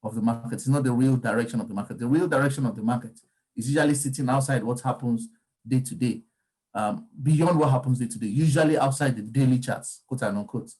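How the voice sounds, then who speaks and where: A man whose first language is Yoruba talks casually about crypto markets, rambling and often restarting his sentences amid frequent ums. His mid-range voice is fast and a little mellow.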